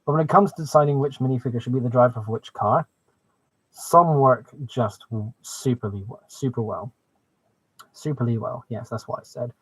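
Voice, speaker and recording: A man's voice: mid-range voice, brisk, husky, dry recording. Man live streaming through a muffled microphone. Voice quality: muffled sound. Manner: enthusiastic, exclaiming. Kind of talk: casual chatty live stream about a building hobby. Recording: muffled microphone, dry close sound.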